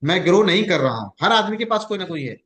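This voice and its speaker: A man teaches a class in a bright, high voice that rises and falls a great deal. He explains through examples and keeps asking his listeners questions. The room gives the voice a noticeable echo. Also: very animated, fast. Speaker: acupuncture and mind-technique teacher.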